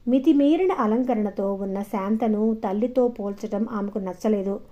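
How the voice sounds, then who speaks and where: A woman storyteller reading a short story aloud in a calm, measured way, in a dull, lo-fi recording. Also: mid-range voice. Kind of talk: audiobook story narration. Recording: dull lo-fi audio.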